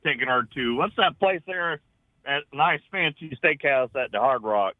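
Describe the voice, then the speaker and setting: A man's voice: medium pitch, lively intonation, moderate pace, no echo. A man in his late forties from Florida calling a radio show, chatting casually in a teasing, folksy way. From Florida, United States. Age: late 40s. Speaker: radio call-in guest. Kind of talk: casual chat. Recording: dull lo-fi phone call to radio.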